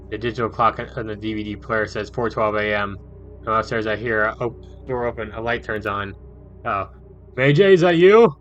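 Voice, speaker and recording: Bright-voiced man reading a game aloud. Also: on the low side, highs cut off. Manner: casual, quick reactions and asides. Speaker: gaming YouTuber. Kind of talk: reading a visual novel aloud with commentary.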